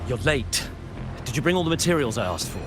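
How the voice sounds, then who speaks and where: An actor playing an absent-minded, excitable engineering professor in a video game, scatterbrained and eager about his work. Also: medium pitch, a little fast, over music, natural voice. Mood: distracted, flustered.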